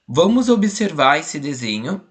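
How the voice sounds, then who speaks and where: A man's voice: a little high, very animated, unhurried, fairly bright tone, slightly rough. A young man with a Brazilian Portuguese accent, a primary school teacher walking pupils through a worksheet in an online class, patiently spelling out letters and syllables.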